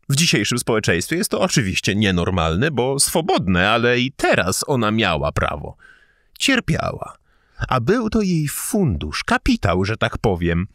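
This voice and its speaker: A man reading an audiobook, voicing an excitable young male idealist who lectures in a shrill, fervent, touchy way. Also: no echo, clean studio sound. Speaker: audiobook reader.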